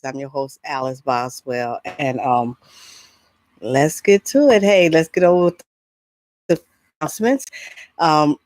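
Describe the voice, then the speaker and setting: In a low voice with no echo, a middle-aged woman who hosts an entertainment news show chats loosely in a casual solo vlog. She makes announcements and frequently wanders off into asides.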